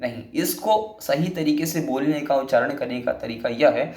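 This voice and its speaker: A man's voice: mid-range voice, moderate pace, darkish tone, echoey room. A man teaching a Sanskrit lesson, patiently explaining and restating each point several times.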